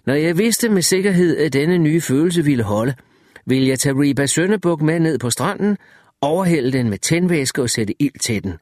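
A man's voice: fairly high pitch, expressive, darkish tone, no echo, clean studio sound. Man narrating an audiobook. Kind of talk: scripted first-person narration.

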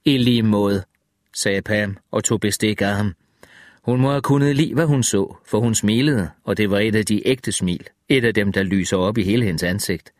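A man reading an audiobook in steady, measured scripted narration, close to the microphone. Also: on the low side, no room sound.

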